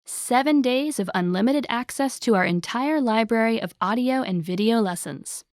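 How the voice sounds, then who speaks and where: An upbeat woman reads a scripted promo in a brisk, salesy tone. Her voice sits a little high. The recording is dry and close, with no room sound. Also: animated, no room sound. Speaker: ad announcer.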